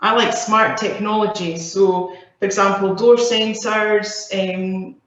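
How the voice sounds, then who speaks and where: A woman's voice: mid-range voice, steady tone, slow pace. A woman speaking as an occupational therapist over a video call, explaining plainly and listing examples. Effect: heard over a video call. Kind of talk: casual explanatory talk. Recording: muffled, very echoey video call audio.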